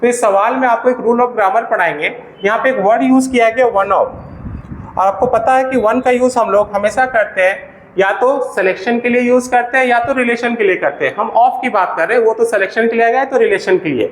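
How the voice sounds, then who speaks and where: High-voiced man teaching grammar, echoey room. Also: brisk. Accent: Indian. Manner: asks questions and answers them himself. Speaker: English teacher for exam prep. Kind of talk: classroom-style grammar lesson.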